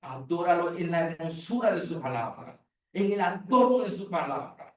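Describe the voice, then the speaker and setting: A man's voice: a little high, animated, normal speed, darkish tone. A man, a pastor, giving a sermon, preaching emphatically and repeating his phrases. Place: church. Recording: echoey hall, mic far off.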